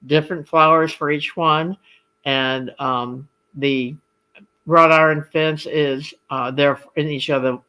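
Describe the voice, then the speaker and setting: A man giving a casual product demonstration as an embroidery designer, explaining things in a halting way. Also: a little high, sharp tone, rough recording.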